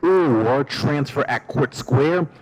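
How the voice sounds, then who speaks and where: A man making a recorded station announcement in an even, formal voice, with the words spliced together from separate recordings. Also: mid-range voice, takes it slowly, low-quality recording. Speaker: transit announcer.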